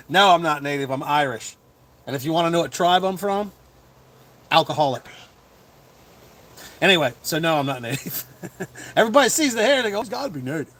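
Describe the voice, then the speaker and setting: A middle-aged man hosting a casual livestream chat as a comedian, rambling with lots of fillers and quick chuckles. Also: a little high, animated, a bit bright. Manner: chuckling, full of fillers and restarts.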